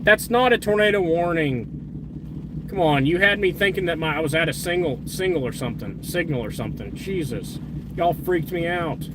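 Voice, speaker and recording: Male storm chaser, casual exclamatory live commentary, higher-pitched, loud wind and vehicle noise. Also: lively intonation, moderate pace. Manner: informal, exclamatory, mild swearing.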